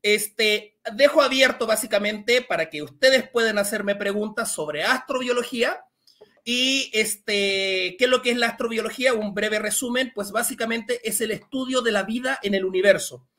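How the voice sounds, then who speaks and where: A Chilean man in his thirties, whose accent carries some Mexican Spanish, explains biology casually as a science communicator guest in a live Q&A on a video call. He speaks at normal speed in a high voice, relaxed and full of filler words, using a headset in a small room at home.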